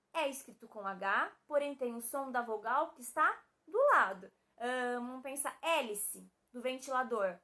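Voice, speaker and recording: A young woman teacher with a Brazilian Portuguese accent and a high, bright voice. She explains the lesson patiently, one step at a time. She keeps checking that the students are following. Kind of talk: recorded video class.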